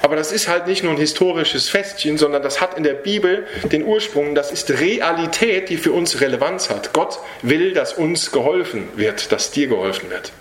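A man's voice: on the high side, expressive, moderate pace, few pauses. A man preaching an earnest evangelistic sermon to an audience in a hall, talking directly to listeners, then leading a prayer. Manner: earnest, direct, speaks to listeners with tag questions. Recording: echoey hall.

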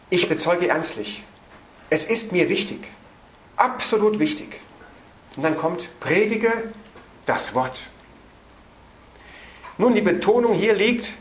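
In an echoey room, a high-voiced man gives an evening sermon on a Bible passage. He rushes his asides and slows down to put emphasis on words.

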